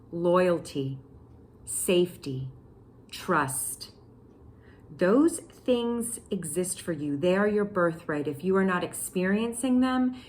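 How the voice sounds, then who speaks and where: A young woman giving a tarot reading to her viewers, excitable and slangy, talking straight to them. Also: fairly low pitch, a little hiss or hum. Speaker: tarot reader. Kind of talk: casual tarot reading to camera.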